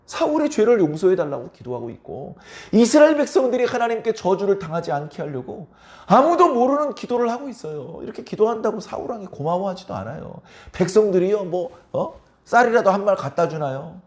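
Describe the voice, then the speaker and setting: A pastor preaching a midweek sermon, prompting the congregation for a response. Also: male voice, high-pitched, a little mellow. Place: church service.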